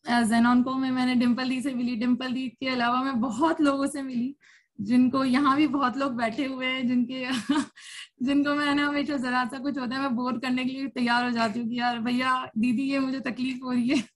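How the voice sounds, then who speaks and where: A woman in her thirties from India shares her own story before a seated audience at a support circle. Her voice sits somewhat high, and she tells it candidly and chattily, with laughs breaking in often. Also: level tone, normal speed. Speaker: cancer survivor sharing her story. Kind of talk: personal testimony at a support circle.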